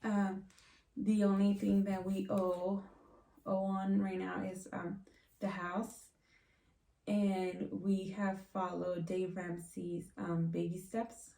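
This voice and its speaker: A woman's voice: mid-range voice, little pitch movement, slow pace, creaky, dark tone. A woman from Mexico, telling her own story in an earnest, reflective vlog. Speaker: vlogger. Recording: roomy, distant from the mic.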